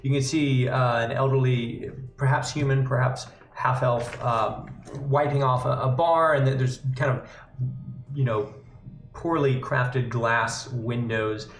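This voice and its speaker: A man's voice: medium pitch, steady tone, slow pace, faint music behind. A man narrating a tabletop game as game master, often restarting his phrases. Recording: echoey room.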